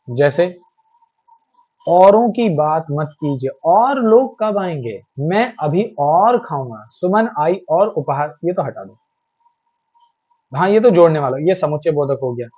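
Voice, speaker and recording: A man's voice: on the high side, mellow, dull audio. A young man teaching a Hindi grammar lesson in a chatty, reassuring way, slipping in English phrases.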